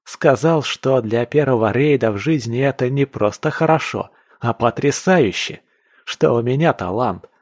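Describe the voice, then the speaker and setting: A man reading an audiobook, voicing an excited, boastful young male fighter with an eager, loud delivery. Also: medium pitch, a little slow, dry recording, clean studio sound, pitched above the performer's own voice. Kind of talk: audiobook character voice.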